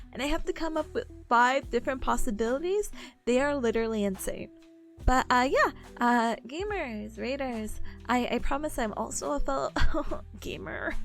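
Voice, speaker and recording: Young female VTuber host, cute anime-streamer delivery, very high voice, playful and bubbly, music underneath. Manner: playful, giggly, drawn-out exclamations. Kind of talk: casual livestream chat greeting viewers. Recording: music playing behind the voice.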